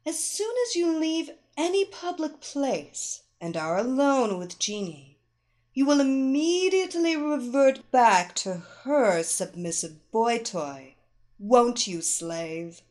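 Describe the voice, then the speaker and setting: A woman voicing a dominant woman hypnotist who gives slow, firm commands. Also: on the high side, very animated, darkish tone, voice pushed up. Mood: commanding.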